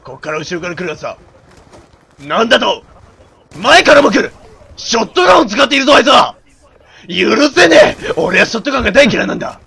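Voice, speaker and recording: A man doing game commentary while he plays, barking orders like a mock commander and shouting in rough slang. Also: extremely high pitch, sing-song, brisk, pauses often. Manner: loud, theatrical, bossy mock-commander banter. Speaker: gaming commentator.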